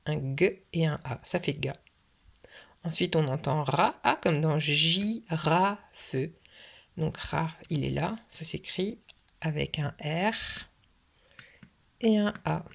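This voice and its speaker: A woman teaches phonics to young children in a video lesson. She has a low, gravelly voice and talks slowly and patiently, breaking words into syllables. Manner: slow, patient, sounding out syllables. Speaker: kindergarten teacher. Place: French classroom or home, recorded for video.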